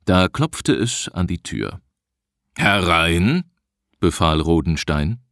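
A man narrating an audiobook in a measured, deliberate reading style. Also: low voice, animated, creaky, no echo, clean studio sound. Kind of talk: scripted narration.

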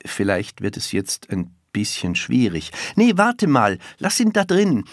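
A reader doing a young schoolboy in a children's story, patient yet exasperated, pleading with urgency. His voice sits a little higher than the narration and shifts a lot. The sound is dry and close. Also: huge pitch swings, measured pace, dry recording, full character voice. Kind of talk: storybook reading.

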